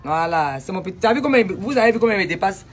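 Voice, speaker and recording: A woman, vlogging casually from a sunny village outdoors on a handheld phone, animated and talkative, firing back at critics. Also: medium pitch, very fast, a little hiss or hum. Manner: animated, chatty, retorts to critics. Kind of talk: casual vlog tour.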